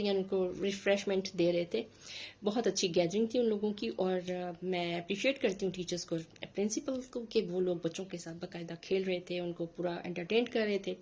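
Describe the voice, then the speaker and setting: A middle-aged woman, telling a story in a casual vlog in an animated, indignant way. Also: mid-range voice, slight background noise. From Pakistan. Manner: animated, indignant, acts out quotes. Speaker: vlogger.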